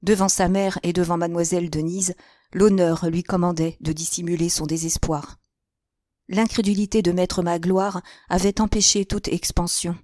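A woman reading a classic crime novel aloud as an audiobook narrator. Her reading is measured and literary, in a lower voice. The close-miked sound is dry, with no room echo. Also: level tone, darkish tone.

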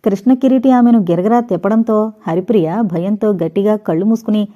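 A woman narrating an audio novel in an even, storytelling manner. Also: mid-range voice, brisk, highs cut off. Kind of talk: scripted narration.

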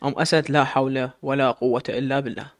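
Brief: gentle older matriarch, brisk delivery, read by a man. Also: mid-range voice, fairly even intonation, natural voice. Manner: gentle, sympathetic. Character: kind older matriarch, sheikh's mother.

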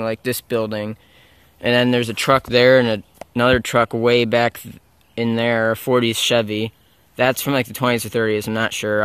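Young guy walking thru the woods talking into his camera, kinda rambly, mid pitch. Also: fairly bright tone, clear, resonant tone, no room sound. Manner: rambling, unsure, self-correcting. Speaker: explorer filming abandoned sites. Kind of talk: casual walking vlog narration. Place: outdoors in a forest. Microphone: handheld camera mic.

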